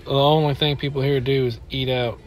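A man's voice: mid-range voice, level tone, brisk, a little hiss or hum. Grumbling man walking a near-empty mall. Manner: grumbling, blunt, complaining. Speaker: vlogger. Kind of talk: walking mall tour vlog. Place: indoor shopping mall, walking.

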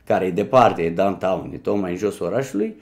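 A middle-aged man from Romania telling stories in a casual chat, animated, and acting out the voices he quotes. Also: low-pitched. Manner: animated, acts out quoted voices and switches languages.

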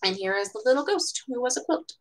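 Speaking quickly with lively intonation, this slightly high-voiced American woman in her twenties brings a picture book to life for a storytime crowd. She's a bookseller, and she breaks from the text for relaxed, conversational comments. It all takes place in a small room at home.

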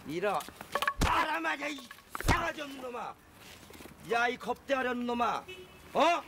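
A hot-headed man in a TV drama berates and curses a boy. His voice is strikingly high, and steady noise sits behind it. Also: normal speed, gravelly, full character voice. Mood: berating. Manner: cursing, scolding. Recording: noticeable background noise.

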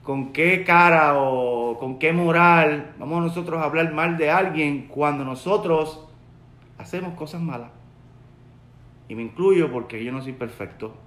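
With a roomy echo around him, a Puerto Rican rabbi in his forties speaks at a measured pace, his voice a little high and fairly bright, his accent Puerto Rican Spanish. He is earnestly giving a Torah lesson to his webcam in a home study with bookshelves, repeating the key points.

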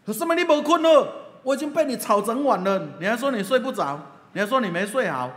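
A blunt, indignant male preacher, acted out by a man telling a story in a sermon, with a shrill voice pushed high and loud. The hall rings with a long echo around him. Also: animated, a little fast. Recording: echoey hall, faint ambience.

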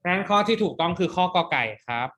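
A man's voice: high-pitched, lively intonation, fast, a bit bright. A man teaching an exam-prep class, playfully quizzing his students and counting through their answers.

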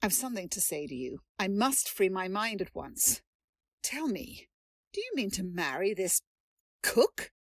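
A woman's voice: medium pitch, sing-song, unhurried, no room sound, clean studio sound. A woman playing a stern, imperious elderly rich aunt who scolds her niece, in an audio drama. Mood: scolding. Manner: haughty, scolding. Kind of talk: radio drama acting.

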